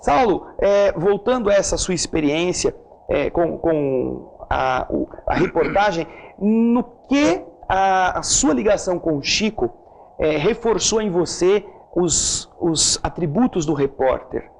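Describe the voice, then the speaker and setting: High-voiced male TV interviewer. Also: very animated, vocal fry. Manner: warm greetings to viewers, halting questions with fillers. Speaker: TV host. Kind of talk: live TV interview.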